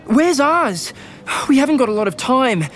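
A man's voice: very high-pitched, expressive, normal speed, soft background music. A man playing a street-smart young racer in an audio drama, earnest and a little anxious. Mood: worried. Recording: clear background noise, outdoor ambience.

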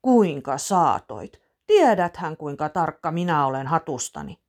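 A fussy storybook father with an oddly rough voice, loud and aggrieved, as a woman narrator voices him. He sounds put out. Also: low-pitched, sing-song. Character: fussy father, proud of his hat.

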